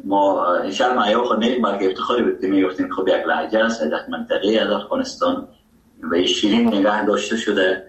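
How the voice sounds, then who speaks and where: A man from Herat with an Afghan Dari accent, a guest songwriter in a radio interview, talking at length in a reflective way. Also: deep voice. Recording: roomy, distant mic.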